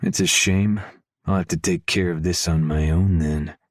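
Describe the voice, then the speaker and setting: A man reading a first-person romance audiobook in a low, intimate, measured way, close to the mic. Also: fairly even intonation, dry recording. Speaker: audiobook narrator.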